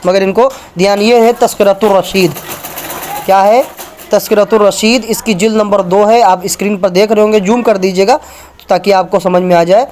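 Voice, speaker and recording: High-voiced man arguing over religious books. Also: steady tone, normal speed, a little mellow, a little hiss or hum. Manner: argumentative, points at book pages for viewers. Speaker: religious speaker. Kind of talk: polemical religious talk reading from books.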